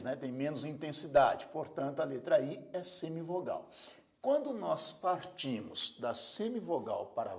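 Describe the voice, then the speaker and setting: Male grammar teacher, fairly high voice, lively up-and-down delivery, patient explainer. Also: vocal fry. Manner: slow, explanatory, repeats key terms and asks rhetorical questions; corrects slips aloud. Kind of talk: recorded classroom lesson.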